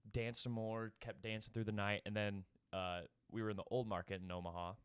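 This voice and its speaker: Young guy on a podcast, lowish voice, dry close sound, rambling story with lots of uh and like. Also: level tone, fairly quick, clean tone, no room sound. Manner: rambling anecdote full of fillers and laughs. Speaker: podcast host. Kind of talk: casual chat, storytelling.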